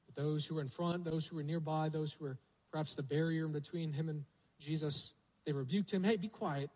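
A man's voice: fairly high pitch, steady tone, brisk, a little mellow, low-quality recording. A male pastor preaching a sermon, telling the story vividly and asking the congregation rhetorical questions.

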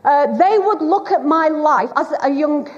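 Her voice high-pitched and a little slow, a middle-aged woman from Bolton, Greater Manchester, England, preaches to a church congregation as a guest, in a Lancashire accent. The sermon is chatty and teasing, and she is self-deprecating. The setting is a church hall, and the recording is dull with a long hall reverb.

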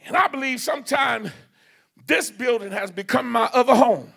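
High-voiced, gravelly shouting preacher. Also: male voice, normal speed. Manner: fervent, shouting in bursts, call-and-response with the congregation. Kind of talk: sermon. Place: church sanctuary.

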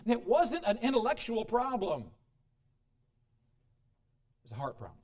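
A man preaching a sermon, reading scripture aloud and explaining it with dramatic swings in loudness and frequent chuckles. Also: huge pitch swings, a little slow. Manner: dramatic shifts in pitch and volume, chuckles often.

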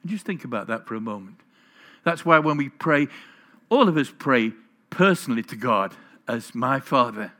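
A man's voice: mid-range voice, expressive, normal speed, pushed and bright. A man preaching a sermon in church, earnest and putting questions straight to the congregation. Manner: earnest, questioning the listeners directly. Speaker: pastor.

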